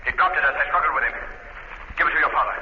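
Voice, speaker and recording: An actor playing a mysterious invisible crime fighter in an old radio drama, commanding, deliberate and theatrical. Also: male voice, on the high side, natural voice. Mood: urgent command. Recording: noisy, muffled vintage radio recording.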